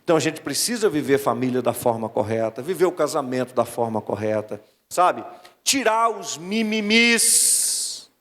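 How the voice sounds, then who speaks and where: A Brazilian man, a pastor giving a lively wedding sermon, exhorting the couple and the congregation and mimicking whiny voices. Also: medium pitch, a little fast, few pauses. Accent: Brazilian Portuguese. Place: large church hall. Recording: long reverb of a church hall.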